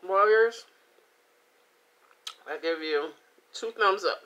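A middle-aged woman chatting casually to the camera as she reviews food at home, with an unhurried manner. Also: mid-range voice, fairly bright tone, dull audio. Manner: unhurried, talking between bites with pauses and mm sounds. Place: indoors, small home room. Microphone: camera or phone at about arm's length.

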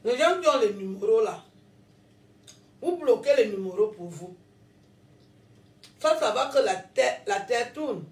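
A woman's voice: fairly high pitch, animated, a little slow, pauses often, a little mellow, roomy sound, distant mic. A woman with a Cameroonian French accent, ranting to her followers, scolding and repeating herself, laughing between lines. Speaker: social media personality. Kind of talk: self-filmed rant to followers.

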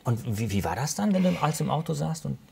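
A man interviewing a guest, gently asking questions and prompting her with short affirmations. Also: a little high, sing-song, quick pace, creaky, slight background noise.

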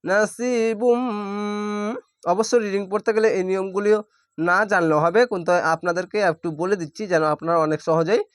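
A man's voice: high-pitched, fairly even intonation, no echo, studio quality. Man patiently spelling out recitation. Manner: spells syllables out plainly, then draws out recited words slowly. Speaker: Quran reading teacher. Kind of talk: spelling-out Quran lesson.

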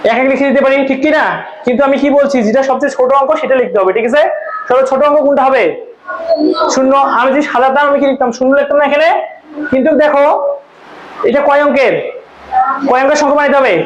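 Male classroom tutor, very high and fast, quizzing pupils, roomy dull recording. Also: slight background noise. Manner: questioning students, repeating answers. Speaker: math tutor. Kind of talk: classroom teaching. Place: tuition classroom.

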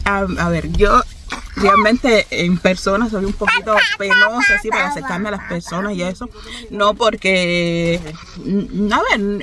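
A Cuban vlogger in her thirties, speaking with a Cuban Spanish accent at a medium pitch, tells a story to her phone camera from a car's back seat. She's chatty and animated and laughs often, holding the phone at arm's length, with background noise audible.

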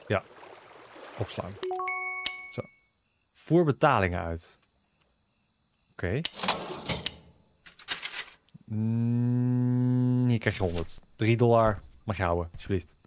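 A gaming video host with a fairly low voice gives casual let's-play commentary on a game he's playing, joking and bantering with the on-screen characters. The background is noisy.

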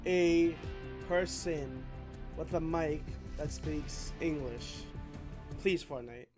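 An American man with a fairly high voice streams a video game. He talks casually into a headset setup, with faint music behind him. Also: takes it slowly. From Massachusetts, USA. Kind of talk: casual gameplay chat. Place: small indoor room.

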